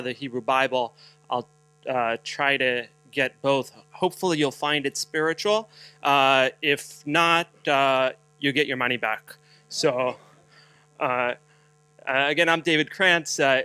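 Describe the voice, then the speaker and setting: Guy from jersey telling a slow story, lots of ums, bright clear voice, dry sound. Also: medium pitch, no room sound, low-quality recording. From New Jersey. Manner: halting with many fillers, light humor, builds to rhetorical questions. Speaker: speaker leading a spiritual moment. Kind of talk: storytelling talk at a conference. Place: conference hall.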